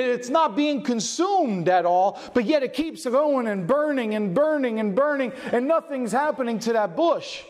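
A pastor preaching a sermon, asking his congregation questions and varying his pace and loudness for emphasis. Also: extremely high pitch. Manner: asks the congregation questions and answers them.

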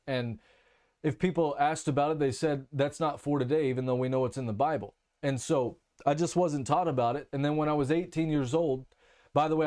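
A preacher with a fairly high, darkish voice teaches a sermon and recounts his own testimony. He speaks candidly and conversationally, with many restarts and filler words.

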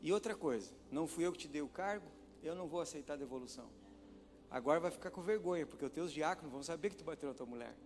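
A high-voiced man preaching a sermon in a church. He swings from quiet, hushed asides to loud, dramatic shouting. The sound carries a long hall reverb over faint music. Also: animated, fast talker. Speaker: pastor.

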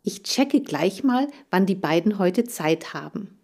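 A woman voicing an affectionate young schoolgirl who speaks warmly and earnestly. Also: medium pitch, animated, measured pace, breathy edge. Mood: heartfelt. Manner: warm, heartfelt. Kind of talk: audiobook character voice.

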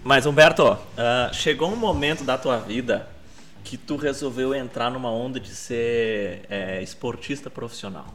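A man's voice: mid-range voice, normal speed, a bit bright. A man hosting a podcast, explaining his ideas thoughtfully, with hedges and repeated words. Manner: thoughtful, hedging, many repetitions. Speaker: podcast host. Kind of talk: casual podcast chat.

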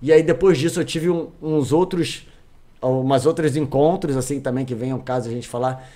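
A young adult man with a Brazilian Portuguese accent, telling a personal story as a podcast guest in casual chat, animated and repeating phrases for emphasis. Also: mid-range voice, normal speed.

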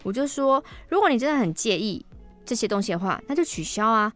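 Lively Taiwanese woman reading a letter. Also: fairly high pitch, a little fast, faint music behind. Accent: Taiwanese Mandarin. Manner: animated, acts out quoted lines. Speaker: podcast co-host. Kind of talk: reading a listener letter aloud.

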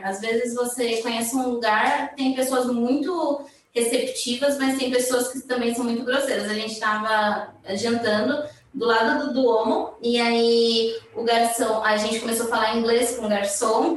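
A Brazilian woman guest telling travel stories in a lively way, acting out the dialogue she quotes. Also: a little high. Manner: animated, acts out quoted dialogue. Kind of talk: casual storytelling. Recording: echoey room, far from mic, faint noise.

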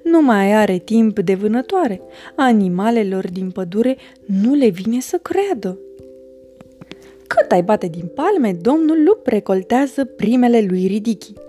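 A woman host gently and expressively reading a children's story aloud. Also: medium pitch, very animated, faint music behind.

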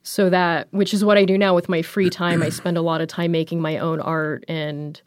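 A woman's voice: fairly low pitch, little pitch movement, moderate pace, clean tone, dry recording, studio quality. A woman in her thirties from the United States, chatting casually as an interview guest, rambling with many fillers and restarts. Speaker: guest, graphic designer.

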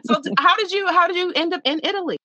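A woman's voice: very high-pitched, racing, sharp tone, dry recording, muffled recording. A woman hosting a podcast in casual chat, laughing often between her phrases. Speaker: podcast host.

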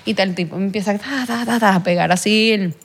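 A woman's voice: medium pitch, fast talker, slight background noise. A young adult woman with a Venezuelan accent, telling a personal story in an interview. She rambles, uses many fillers and acts out what people said. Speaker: guest.

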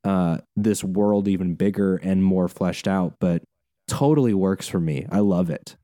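A man co-hosting a casual podcast, animated and quick to laugh, with many fillers and restarts. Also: deep voice, dry recording, studio quality. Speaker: podcast co-host.

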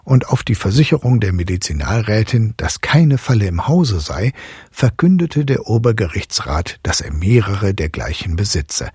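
A man reading a fairy tale aloud in an expressive way, sometimes dropping to a whisper. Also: sits low, slightly rough, no echo, studio quality. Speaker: reader. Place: online audio room.

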